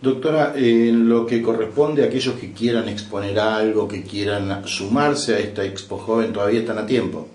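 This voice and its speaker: A man's voice: lowish voice, normal speed, hardly any pauses, a little mellow. A man with an Argentine accent, a radio interviewer giving polite, brief prompts. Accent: Argentine Spanish. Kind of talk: casual interview. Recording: echoey room, faint noise.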